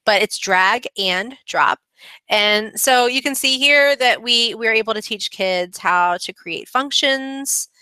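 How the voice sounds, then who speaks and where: A woman's voice: on the high side, a little slow, few pauses, pushed and bright, clear, resonant tone, no echo, low-quality recording. A woman teaching kids' coding, chatting her way through a screen-recorded tutorial in an upbeat manner with frequent ums. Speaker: kids' coding club instructor.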